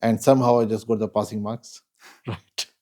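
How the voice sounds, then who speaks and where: Guy telling his life story in an interview, soft mellow voice, slow and thoughtful with lots of pauses. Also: lowish voice, flat delivery. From Pakistan. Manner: measured and reflective, pausing often. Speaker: guest.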